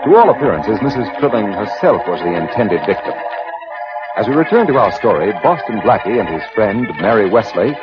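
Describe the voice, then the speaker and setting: 1940s radio announcer man, lively and smooth. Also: lowish voice. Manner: smooth, measured announcer delivery. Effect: old radio broadcast sound. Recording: dull lo-fi 1940s radio recording with faint music.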